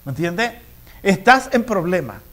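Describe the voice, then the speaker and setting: A man's voice: high-pitched, sing-song, a little slow, a bit bright. A man preaching a sermon in an emphatic way, repeating key phrases and checking that listeners follow him.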